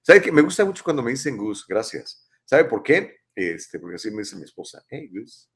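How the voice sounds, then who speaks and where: Here a live-show host from Mexico, a man in his fifties, comments on audience messages and fires off emphatic rhetorical questions. His mid-range voice is sing-song and slightly bright, at a moderate pace.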